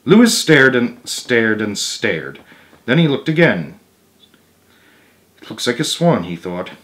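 Slowly and expressively, a young man with a mid-pitched voice reads a children's story, pausing for casual asides. The setting is his living room, with a camera a little way off.

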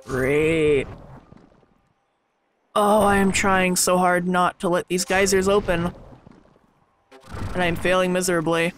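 A young American man with a slight Southern twang, playing a game in an early-morning let's play, excitable and swearing under his breath. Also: sits high, takes it slowly, long pauses, slight background noise. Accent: American, sometimes Southern. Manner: excitable, swears and mutters to himself. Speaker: gaming YouTuber.

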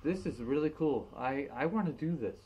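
A man's voice: on the high side, lively intonation, normal speed, a little mellow, slightly rough. A young man in a casual vlog, muffled through a costume head, talking earnestly with stumbling restarts. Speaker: vlogger.

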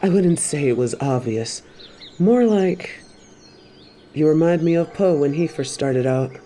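Lady playing a tough female tiger kung fu master in an audio roleplay, wry and commanding, loud-ish ambient effects behind her. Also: deep voice, expressive, a little slow, a little hiss or hum. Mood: teasing, approving. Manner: wry, commanding, matter-of-fact. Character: stern, confident tiger kung fu master woman.

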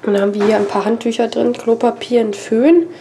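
A young woman with a cold films a casual house tour vlog of her family home on a handheld wide-angle action camera held at arm's length, chatting as she walks from room to room pointing things out. Her fairly high voice is flat and fairly quick, with background noise.

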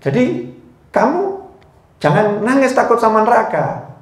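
A man doing a gentle old scholar, gently questioning a crying child. His voice climbs higher than the preacher's own. The room echoes around him. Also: very animated, measured pace. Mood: coaxing. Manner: coaxing, questioning.

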